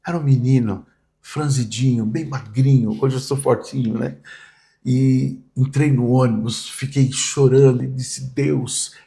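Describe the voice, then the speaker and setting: A man's voice: mid-range voice, steady tone, unhurried, vocal fry, dark tone. A man, a pastor vividly telling stories in a podcast interview. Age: 60s. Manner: vivid storyteller, acts out quoted voices.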